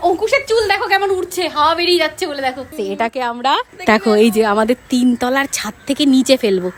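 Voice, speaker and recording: A woman chatting excitedly to viewers in a casual home vlog. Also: high-pitched, fast talker. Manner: excited, lively. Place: family home.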